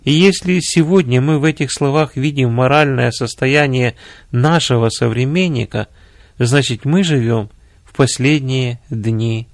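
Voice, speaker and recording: A man's voice: medium pitch, a little slow, dry recording, studio quality, lightly acted. A man voicing an earnest male minister who explains scripture patiently.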